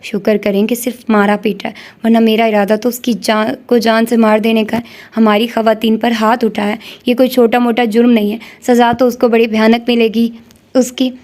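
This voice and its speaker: A woman voicing a stern, protective young male police officer who speaks gravely. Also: on the high side, flat delivery, a little mellow, lightly acted. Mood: angry.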